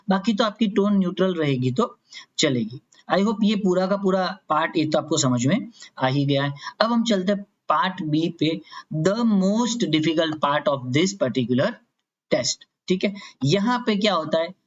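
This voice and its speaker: A man teaching exam preparation in a chatty, reassuring way, often checking in with his viewers and reading example questions slowly. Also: high voice. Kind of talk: casual tutorial explanation. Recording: slightly dull lo-fi audio.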